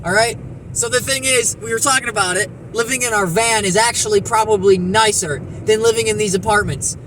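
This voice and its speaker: Blunt high-voiced young man vlogging. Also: brisk, noisy background. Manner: blunt, animated, swears freely. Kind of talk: casual vlog chat.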